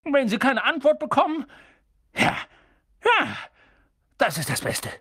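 Casting: blustering, shouting middle-aged uncle, loud and strained high, voiced by the reader. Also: huge pitch swings, unhurried, husky, no echo, clean studio sound, heavily acted. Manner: barking, blustering.

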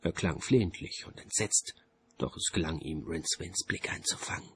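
A man narrating an audiobook in a theatrical, expressive storytelling manner. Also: very deep voice, moderate pace, background noise.

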